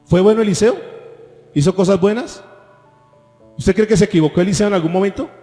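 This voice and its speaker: A man's voice: high-pitched, a little fast, mellow. A man preaching a sermon as pastor, asking the congregation rhetorical questions. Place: church hall. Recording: echoey church hall with faint music.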